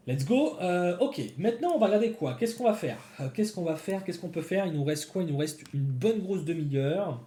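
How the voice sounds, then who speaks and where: A man's voice: high voice, animated, moderate pace, hardly any pauses, warm tone, reverberant, slight background noise. A man giving casual live-coding commentary to his viewers, thinking aloud as he types. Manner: thinks aloud, chatty, talks to viewers while typing. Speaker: developer streaming a coding session.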